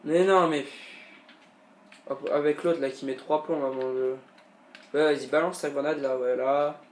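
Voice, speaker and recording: A man's voice: mid-range voice, little pitch movement, normal speed, darkish tone. A man, a raging, exasperated gamer complaining over his play in casual, sweary slang. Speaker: gamer commenting on own play. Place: echoey room, game controller in use. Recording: roomy, echoing, faint background noise.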